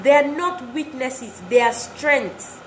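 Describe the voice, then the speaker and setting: A woman's voice: high-pitched, slow pace. A woman giving an earnest motivational talk to wives, exhorting and repeating phrases for emphasis. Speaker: speaker addressing wives. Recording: roomy echo, faint background noise.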